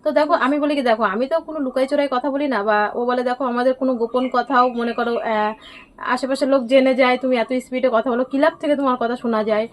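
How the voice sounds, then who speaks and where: A woman, a mother and vlog host, chatting loudly and rapidly to her phone camera at home. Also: high-pitched, steady tone, slight background noise. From India. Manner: loud, rapid, emphatic talker. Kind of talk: casual family chat to camera. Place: village home. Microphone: phone on a stand.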